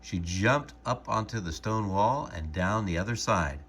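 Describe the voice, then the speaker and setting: A man calmly and gently reading a storybook aloud as narrator. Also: lowish voice, husky. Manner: calm, gentle, measured narration.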